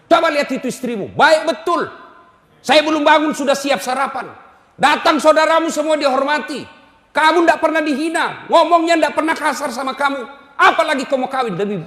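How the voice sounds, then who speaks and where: A man's voice: extremely high pitch, a little fast, a bit bright, pitched above the performer's own voice. A male preacher voicing an older mother who scolds her son for wanting to take another wife, in an indignant tone. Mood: scolding. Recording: echoey hall.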